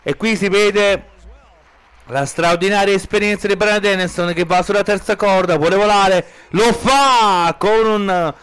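An Italian man giving excited live play-by-play wrestling commentary as a commentator, urgent and exclamatory, stretching out stressed words. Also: sits high, a little hiss or hum. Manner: urgent, exclamatory, drawn-out stressed words, rising to shouts at key moments.

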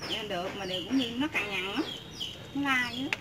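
A woman's voice: mid-range voice, fairly quick. A woman chatting plainly about her cashew peeling work, outdoors at a rural home. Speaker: cashew peeler. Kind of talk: casual chat. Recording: loud outdoor background noise.

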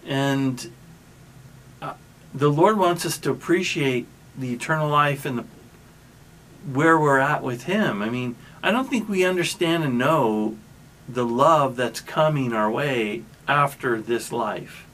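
A pastor delivers his sermon in an unhurried, conversational way, as if telling a story to friends. His voice sits at an ordinary middle pitch for a man, and he often restarts his sentences and pauses mid-thought. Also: fairly bright tone.

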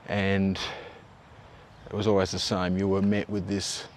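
An Australian man in his thirties, talking to camera out in the open with an easy, offhand manner. His voice sits low, and a faint outdoor hiss is heard behind him. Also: unhurried. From Tasmania, Australia. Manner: relaxed, conversational, offhand asides. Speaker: local history video host. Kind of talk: casual on-location presenting. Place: outdoors by a river and on park paths.

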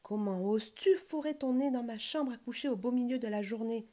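A woman's voice: fairly high pitch, fairly quick, pitched above the performer's own voice, lightly acted. A woman voicing a very angry owl disturbed in its bedroom, in a storybook reading. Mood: outraged. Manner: outraged, shouting. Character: very angry owl woken in daytime.

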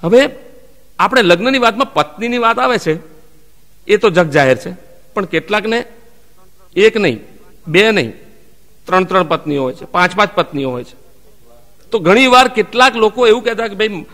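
A man telling a string of jokes as a stand-up comedian, acting out the people in them with quick voice shifts. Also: high voice, lively intonation, fairly bright tone, in a large hall. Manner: acts out the characters in his jokes with quick voice shifts. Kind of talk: Gujarati joke telling.

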